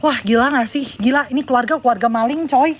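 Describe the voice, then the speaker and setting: A woman's voice: high voice, fast, slight background noise. A woman vlogger outdoors in front of a house, filming herself on a phone as she angrily confronts a man and talks to her viewers. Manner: agitated, accusing, addressing viewers. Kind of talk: heated live confrontation.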